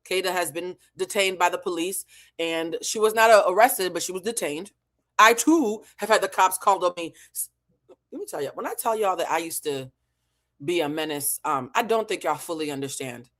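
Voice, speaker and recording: Her voice is on the low side and a bit bright, with lively intonation at a moderate pace. She's a New England host of an online show and an emotional intelligence teacher, recapping a reality show to camera with blunt opinions, lots of profanity and emphatic repetition.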